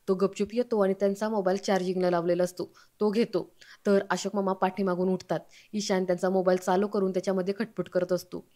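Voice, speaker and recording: A woman narrating a TV serial recap in a steady, recounting manner. Her voice is middle in height and notably flat, with little rise and fall. She keeps an even storytelling flow throughout. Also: mid-range voice.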